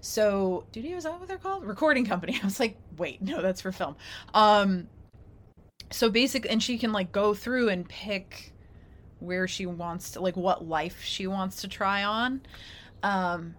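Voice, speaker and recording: A woman co-hosting a podcast chats casually, chatty and giggly in an informal way. Her voice is mid-range and unhurried.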